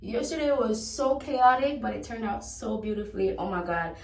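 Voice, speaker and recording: A woman's voice: fairly high pitch, lively intonation, moderate pace. Young woman chatting. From Jamaica. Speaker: singer, interview guest. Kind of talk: casual chat and vlog. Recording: echoey room, far mic, music behind.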